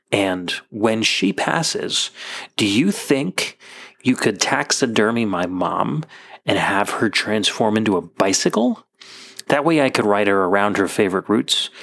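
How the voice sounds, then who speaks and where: A man's voice: lowish voice, fairly bright tone. A middle-aged man playing a nervous, stammering fan who calls in with a rambling question. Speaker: caller with a question.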